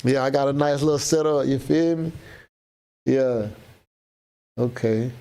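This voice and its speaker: A Florida man hosts a live stream, chatting laid-back with viewers in slang and reading their comments out loud. His medium-pitched voice is unhurried, warm, clear, and resonant.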